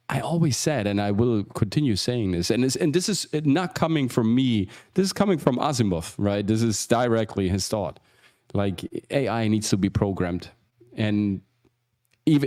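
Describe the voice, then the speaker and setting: A man hosting a casual livestream as an acting coach, rambling with many restarts and asides and jumping higher for emphasis. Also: a little mellow. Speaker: acting coach and show host.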